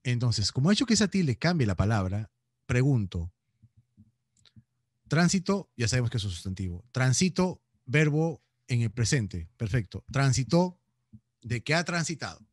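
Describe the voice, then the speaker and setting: Joking Peruvian male teacher, lively pitch. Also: a little fast, slightly rough, no echo, clean studio sound. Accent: Peruvian Spanish. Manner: teasing, scolds students playfully, laughs often. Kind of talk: joking online class lecture.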